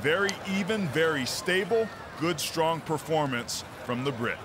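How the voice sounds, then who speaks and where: A man from California working as color commentator, giving animated, analytical sports commentary. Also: on the high side, measured pace. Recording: loud crowd and noise behind.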